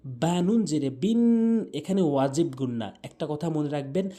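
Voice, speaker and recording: A man from Bangladesh teaching Quran pronunciation in Bengali, spelling out letters and vowel marks and then chanting each verse in long, drawn-out recitation. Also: a little high, expressive, warm tone. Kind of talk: patient tajweed lesson.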